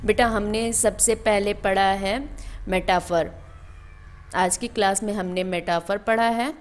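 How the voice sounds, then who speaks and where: A woman's voice: mid-range voice, fairly even intonation, slow pace. A woman teacher explaining grammar to students step by step, asking questions and answering them herself. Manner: calls students "beta". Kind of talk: classroom grammar lesson.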